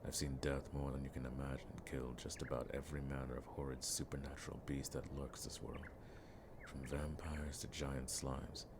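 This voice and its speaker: A man voices a seasoned monster hunter in a fantasy audio roleplay, his extremely low, gravelly tone staying fairly flat. He sounds measured, wry and world-weary but friendly, using old-fashioned turns of phrase with a proud, grim mood. Clear background ambience plays behind him, and the recording is very noisy.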